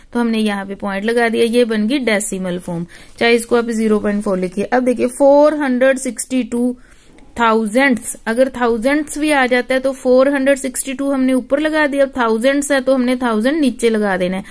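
High-voiced patient woman maths teacher. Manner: patient, addresses students as "beta". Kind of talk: classroom lesson.

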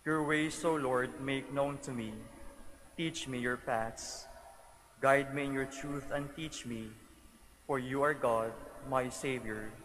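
A man reading scripture as a lector at Mass, formal and deliberate, with cathedral echo on his voice. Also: medium pitch, steady tone, a bit bright, slight background noise. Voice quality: cathedral echo, long reverb. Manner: formal, deliberate, short measured phrases. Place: large church during Mass. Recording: long cathedral echo through church speakers.

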